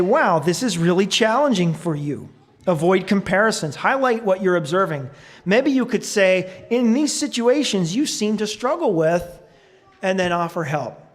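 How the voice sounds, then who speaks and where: A man preaches in a church, his voice sitting noticeably high for a man. He talks earnestly and reads quoted advice aloud, pausing now and then with fillers as he gathers his thoughts. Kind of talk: sermon. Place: church sanctuary.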